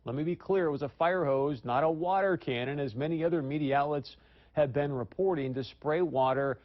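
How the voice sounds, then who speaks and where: A man's voice: on the high side, brisk. Male TV host, emphatic, talks straight to the viewer; muffled broadcast audio. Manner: emphatic, pointed, addresses viewers directly. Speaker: TV talk show host. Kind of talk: evening news commentary.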